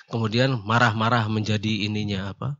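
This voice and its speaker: Calm explaining man, lo-fi radio. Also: on the low side, a little fast. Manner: calm, explaining, laughs easily, mixes in local words. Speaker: martial arts teacher answering questions. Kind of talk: casual religious discussion on online radio. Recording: dull lo-fi online radio sound.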